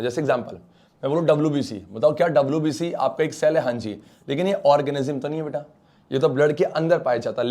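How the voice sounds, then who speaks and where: A man's voice: on the high side, dark tone. An Indian man teaching an online science class, coaxing his students with questions and mixing English terms into his speech. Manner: coaxing, calls students beta and bachcha, mixes English terms; asks questions and answers for the students.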